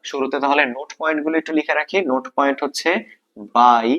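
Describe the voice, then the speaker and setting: In a muffled recording, a man with a Bangladeshi accent speaks fast in a mid-range, bright, forceful and steady voice. He teaches an exam-prep grammar lesson step by step, frequently posing questions and answering them himself, and repeating key points.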